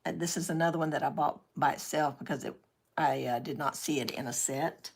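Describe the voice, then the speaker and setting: A woman's voice: deep voice, fairly even intonation, a little fast, gravelly, slightly rough. An older woman hosting a live craft session, chatting casually as she works and answering viewer comments. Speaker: craft channel host.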